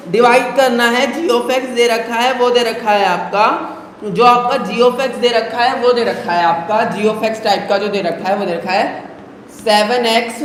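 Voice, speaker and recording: A man's voice: very high-pitched, fairly bright tone, a little hiss or hum. A male math teacher giving a live online lesson, coaxing students with rhetorical questions and calling them "beta". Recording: very echoey room, faint ambience.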